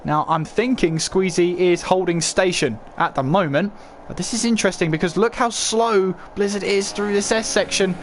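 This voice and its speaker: A man's voice: high-pitched, moderate pace, a little hiss or hum. A man commentating live on a motor race as a motorsport commentator, calling it play-by-play and posing questions as he goes. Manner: running play-by-play with rhetorical questions.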